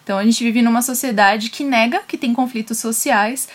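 A woman's voice: on the high side, fairly quick. A woman with a Brazilian accent giving an explanatory academic talk. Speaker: panel speaker on linguistics.

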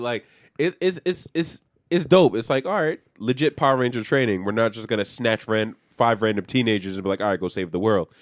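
A young man co-hosting a podcast, recapping a comic in casual chat, animated and swearing, acting out the characters as he goes. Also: on the low side, smooth, dry recording, clean studio sound. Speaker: podcast co-host.

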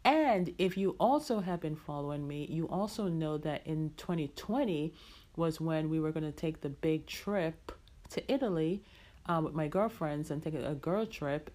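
A middle-aged Jamaican woman hosts a podcast, speaking in a deep, mellow voice. It's a casual, reflective personal monologue, and she repeats phrases for emphasis.

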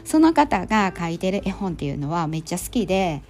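A middle-aged woman with a Kansai accent chatting casually through a monologue recap, with plenty of fillers and relaxed phrasing. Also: lowish voice, brisk, a little hiss or hum. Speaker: storytelling volunteer and podcast host.

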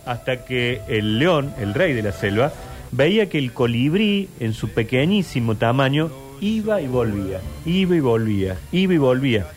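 An Argentine man on a radio comedy panel tells a small fable in a playful, drawn-out way. His pitch swings widely as he goes. Faint music sits underneath. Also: big pitch swings. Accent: Argentine Spanish. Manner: playful storyteller, draws out the telling. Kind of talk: casual comedic chat, telling a fable.

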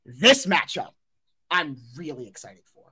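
A man co-hosting a casual sports podcast, eager and quick to quote stats and make bold takes. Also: fairly high pitch, very animated, sharp tone, slightly rough. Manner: eager, stat-quoting, builds up bold takes. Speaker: podcast co-host.

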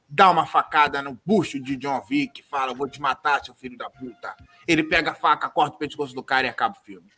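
A man with a Brazilian Portuguese accent, co-hosting a podcast and retelling a movie as a rambling, profane comic recap. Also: on the high side. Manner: rambling, profane storyteller who shouts sound effects. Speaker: podcast co-host.

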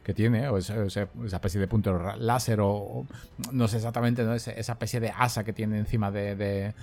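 Male podcast co-host, lowish voice, halting casual film chat with tag questions. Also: fairly even intonation, darkish tone.

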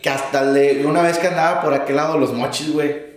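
A man's voice: fairly high pitch, fairly even intonation, quick pace, a little hiss or hum. A man with a Mexican accent, a truck driver guest telling stories in a casual podcast chat, laid-back, full of crude slang and acted-out lines. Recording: echoey room.

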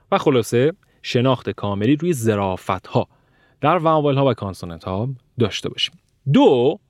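A man teaching a language lecture, stressing words and letting his pitch rise and fall sharply to demonstrate intonation, and slowing down to spell out example sounds. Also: no room sound, clean studio sound.

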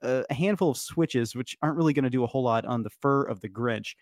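A man in casual conversation who rambles through his points with plenty of fillers and false starts. His voice sits at a middle pitch, recorded close and dry with no room sound. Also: fast talker, no room sound. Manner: rambling, many fillers and restarts, laughs often. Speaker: podcast guest. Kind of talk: casual debate chat.

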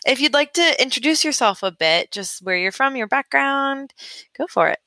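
Bright eager woman interviewer. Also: high-pitched, expressive, moderate pace, no room sound. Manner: eager, rambling questions. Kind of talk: casual interview chat.

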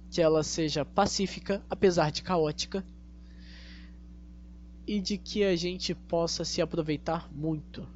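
A Brazilian man hosting a casual monologue to his listeners, speaking with a tongue-tied, slushy s and deliberate, repetitive phrasing. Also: fairly high pitch. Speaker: podcast host. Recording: dull lo-fi audio, faint hum.

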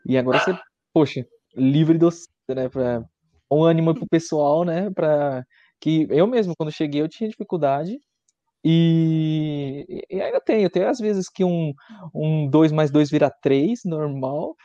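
A man's voice: on the high side, unhurried, no echo. A man, a student co-host, chatting casually and cracking jokes. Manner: relaxed, joking interjections. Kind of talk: casual podcast chat. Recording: dry, slightly dull lo-fi sound.

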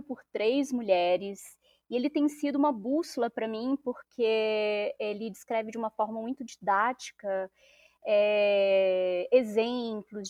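A woman, a podcast guest who explains things step by step, filling pauses as she lists her points. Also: on the high side, no echo, clean studio sound. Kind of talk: casual podcast conversation.

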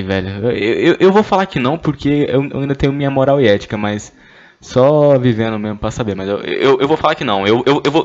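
A man's voice: mid-range voice, dull audio. A young man, reading questions aloud and joking, stammering and swearing as he goes. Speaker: streamer reading anonymous questions. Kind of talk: casual chat.

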